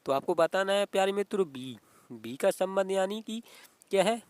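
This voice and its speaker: A man's voice: high-pitched, animated, moderate pace, no room sound. A man explaining exam reasoning questions as a teacher, repeating himself and checking in often with "okay". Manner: repetitive, keeps asking "what is it" and saying "okay".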